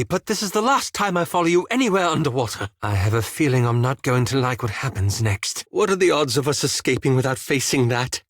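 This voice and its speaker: In a video game, a man voices an elf wizard who is wry, anxious and fastidious, delivering lines in a dry, polite, hesitant way. His pitch is medium and the recording has no echo.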